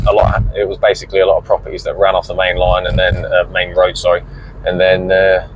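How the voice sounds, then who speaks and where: A man's voice: on the low side, slight background noise, low-quality recording. A middle-aged man gives a rambling, chatty commentary while driving, with mild swearing. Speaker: vlogger. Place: inside a moving car.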